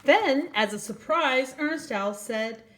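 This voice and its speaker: This older woman, a grandmother, reads aloud from a children's storybook, slowly addressing young children and posing questions. Her voice sits high, with lively intonation and a bit of brightness.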